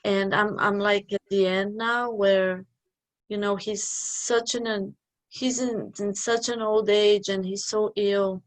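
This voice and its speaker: Slow, reflective woman in discussion. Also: medium pitch, fairly even intonation, poor audio. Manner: reflective, casual, with fillers. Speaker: study group member. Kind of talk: casual spiritual study discussion.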